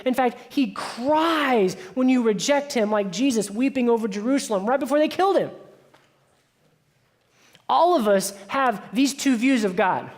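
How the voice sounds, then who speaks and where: A man's voice: extremely high pitch, expressive, unhurried. A man preaching a conversational sermon as pastor, telling stories in a casual way with frequent "like". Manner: casual storytelling, sprinkled with "like". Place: church sanctuary. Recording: long reverb of a church hall.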